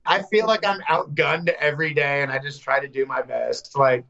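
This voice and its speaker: A man in his thirties, a songwriter guest, telling casual, animated stories in an interview. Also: a little high, vocal fry, muffled recording. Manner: animated, loose storyteller, slips into quick voices.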